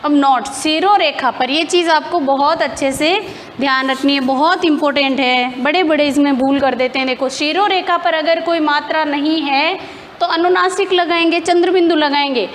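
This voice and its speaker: A woman's voice: high voice, moderate pace, in a large hall, a little hiss or hum. A woman teacher explaining grammar step by step in a classroom lesson, asking questions and answering them herself.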